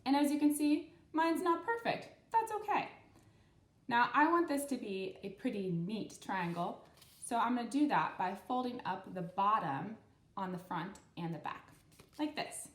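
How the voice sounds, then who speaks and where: In a fairly high, lively voice that runs a touch slow, a woman in her thirties hosts storytime for children. She reads aloud and explains a craft one step at a time, keeping it simple and encouraging, in a room with lots of echo.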